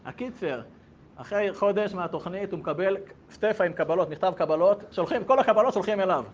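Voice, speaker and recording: A man telling a story in casual spoken style, lively and animated as he acts out characters. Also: high voice, lo-fi sound, slight background noise.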